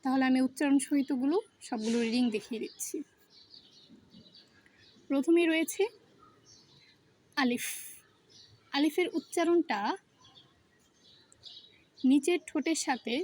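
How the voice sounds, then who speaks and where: A woman teaching the Arabic alphabet in a step-by-step pronunciation lesson, saying each letter slowly and repeating it. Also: high voice, a little mellow, a little hiss or hum.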